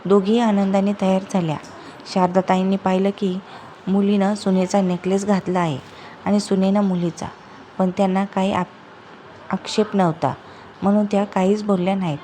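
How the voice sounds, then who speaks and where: A woman storyteller narrating an emotional family tale in a steady, plain manner. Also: medium pitch, moderate pace, slight background noise.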